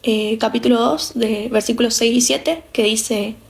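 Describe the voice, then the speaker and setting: A woman's voice: a little high, fairly even intonation, a little slow, creaky. A young woman from Argentina with an Argentine accent, giving an earnest, reflective personal faith testimony with frequent restarts. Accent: Argentine Spanish. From Misiones, Argentina.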